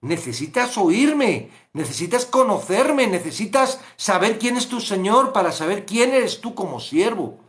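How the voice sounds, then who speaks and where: A man leads a live Bible study. He talks fervently, his lively pitch swinging up and down, sitting a little high. He drops to near hush, then swells loud. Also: a little slow, hardly any pauses. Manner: fervent, acts out quotes, swings loud to hushed.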